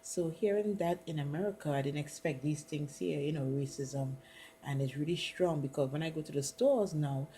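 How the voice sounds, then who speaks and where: Interviewing her partner for a student project, a middle-aged woman from the Caribbean keeps the talk casual and full of "you know" fillers. She speaks at a moderate pace in a low, dark voice, and there's a slight hiss or hum.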